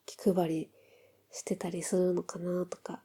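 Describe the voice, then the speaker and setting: Casting: woman as tender newlywed wife, soft-spoken pillow-talk role-play, very soft dark tone, unhurried and intimate. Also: lowish voice, little pitch movement, breathy edge. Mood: affectionate, curious. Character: affectionate newlywed wife chatting softly in bed.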